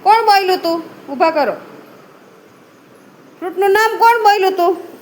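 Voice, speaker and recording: Surrounded by children, a teacher with a very high voice leads the little ones through a guessing game, giving brisk commands over and over and praising them quickly. A little hiss or hum can be heard.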